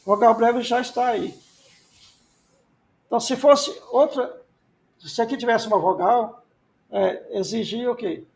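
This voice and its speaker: A man's voice: extremely high pitch, a little slow, vocal fry, pauses often. A man, a pastor teaching biblical Hebrew in a lecture, repeating key points and answering his own questions. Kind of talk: classroom lecture.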